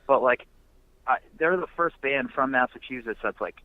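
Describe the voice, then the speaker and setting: Speaking over a muffled phone line, this young man is a musician guest in a phone interview, talking loosely and rambling with plenty of fillers. His mid-range voice moves at a normal speed, and the recording is dry.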